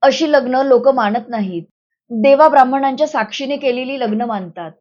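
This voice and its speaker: A woman's voice: sits high, normal speed, darkish tone, lightly acted. A woman reading the lines of a frightened young village woman who speaks in a worried, pleading way, on a slightly dull recording. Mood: anxious.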